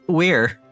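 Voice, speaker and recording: A man's voice: high-pitched, fairly bright tone. A young man doing casual playthrough commentary, reacting as he goes and often hesitating or repeating himself. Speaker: game streamer.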